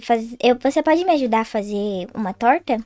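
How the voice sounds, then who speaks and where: A woman's voice: a little high, lively intonation, a little fast, a little mellow, no room sound, close to an everyday voice. A woman voicing a playful, scheming teenage daughter of the house in a game role-play. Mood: conspiratorial. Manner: teasing, conspiratorial.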